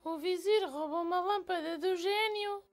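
A woman's voice: extremely high pitch, normal speed, faint music behind. A woman voicing a plucky, sweet young boy frog hero in a cartoon dub, with a European Portuguese accent. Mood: worried.

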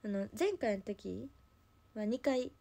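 A woman's voice: on the high side, lively intonation, slow pace, vocal fry, warm tone. A young woman with a Kansai accent, chatting casually on a livestream and rambling through a story with lots of fillers. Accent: Kansai Japanese. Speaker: idol livestream host.

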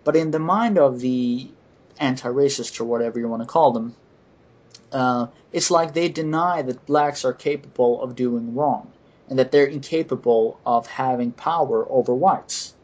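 Male podcast host, husky voice, hesitant delivery with many restarts. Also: mid-range voice, a little mellow, lo-fi sound. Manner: hesitant, halting, frequent restarts. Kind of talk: casual podcast discussion.

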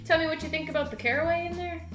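Chatty high-voiced woman cooking at home. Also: steady tone, racing. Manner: chatty, upbeat, talks straight to the viewer. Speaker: cooking show host. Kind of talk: casual cooking demonstration. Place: home kitchen, indoors. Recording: roomy kitchen with music behind.

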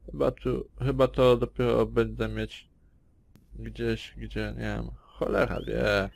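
A man's voice: medium pitch, flat delivery, slow pace, creaky. A man casually commentating his own gameplay, talking in an offhand, mumbling way. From Poland. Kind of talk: casual let's play commentary.

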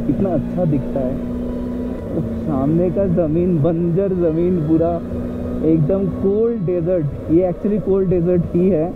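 A man's voice: high voice, phone-quality sound, noisy background. A man riding a motorbike, explaining the road in a casual, chatty way as a travel vlogger. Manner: chatty, explanatory, mixes in English words. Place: on a motorbike on an open mountain road.

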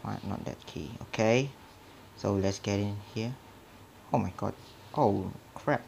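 Jittery gravelly man voicing a horror game. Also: fairly low pitch, measured pace, a little mellow, slight background noise. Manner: jumpy and nervous, often drops to a whisper; mutters to himself with frequent mild swearing. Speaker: gamer. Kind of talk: horror let's play commentary.

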